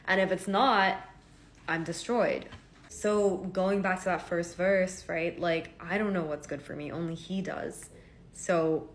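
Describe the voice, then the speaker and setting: Speaking from home, a woman in her twenties from Hong Kong shares a personal story vlog-style, chatty and earnest with plenty of fillers. Her voice is lowish, and slight background noise can be heard.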